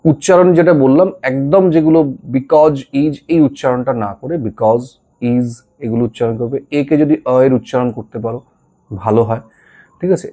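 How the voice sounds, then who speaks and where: A man's voice: medium pitch, mellow. A man teaching spoken English in a reassuring, encouraging way, often checking in with his students. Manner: reassuring, repeats "ঠিক আছে?" to check in. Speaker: English tutor.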